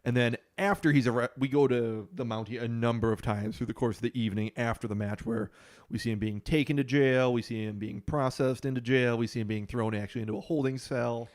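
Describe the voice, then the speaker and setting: A man's voice: medium pitch, steady tone, fairly quick. A man co-hosting a podcast, talking in a conversational, dry and opinionated way. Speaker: podcast co-host. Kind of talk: casual chat.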